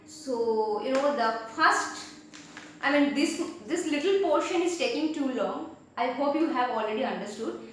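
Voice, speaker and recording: A high-pitched woman gives an English grammar lesson, going back over her points and rephrasing them as she goes. Her voice rings through a very echoey room. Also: lively intonation, measured pace, a little hiss or hum. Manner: explanatory, repeats and rephrases with "I mean". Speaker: English teacher.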